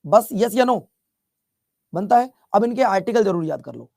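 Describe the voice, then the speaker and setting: A man's voice: sits high, lively intonation, normal speed, vocal fry, a little mellow, no echo, studio quality. A male teacher from Bihar giving a chatty classroom lecture, repeating his questions and teasing students as he scolds them. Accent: Bihar Hindi.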